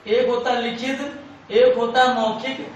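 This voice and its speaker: A man's voice: very high-pitched, little pitch movement, unhurried, lo-fi sound. Male tutor who drills repeated Q&A, recorded from far off with faint hiss. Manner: repetitive, asks and answers own questions. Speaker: teacher. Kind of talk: exam-prep lecture. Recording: echoey room, far from mic, faint hiss.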